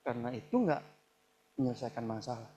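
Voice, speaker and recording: A male pastor preaching a live church sermon, acting out quoted people and swinging between soft asides and loud, emphatic peaks. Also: medium pitch, lively intonation, fairly quick, slight background noise. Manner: acts out quoted people in shouted or pleading voices. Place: church hall, live service.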